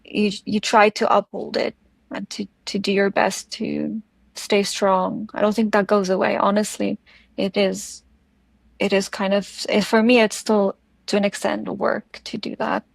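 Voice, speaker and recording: A South African woman with an Afrikaans accent and Afrikaans as her first language, speaking thoughtfully and haltingly as an interview guest. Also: mid-range voice, little pitch movement, vocal fry, dry recording. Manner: thoughtful, halting, searching for words. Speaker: podcast guest. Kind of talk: reflective interview conversation.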